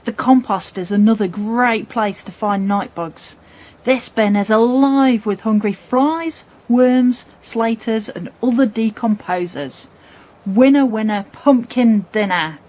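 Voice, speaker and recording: A woman presenting scripted nature narration for children in a playful, expressive storytelling way. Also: a little high, slow pace.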